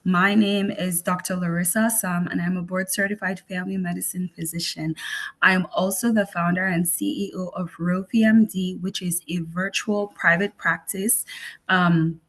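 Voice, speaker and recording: A woman from Cameroon, a physician, presenting an online health session in a measured, explanatory way with some ums and restarts. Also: lowish voice, steady tone.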